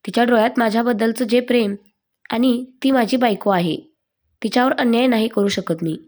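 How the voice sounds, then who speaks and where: A man's voice: very high voice, a little fast, darkish tone. A woman voicing an angry young husband. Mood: tense. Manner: curt, snapping.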